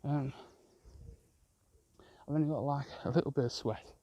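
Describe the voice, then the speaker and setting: Sweary man with a very dark voice. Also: medium pitch, fairly even intonation, moderate pace, no room sound, highs cut off. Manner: swears constantly, chatty and rambling. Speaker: vlogger. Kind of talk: rambling walk-and-talk vlog. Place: outdoors in a park. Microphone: handheld phone camera.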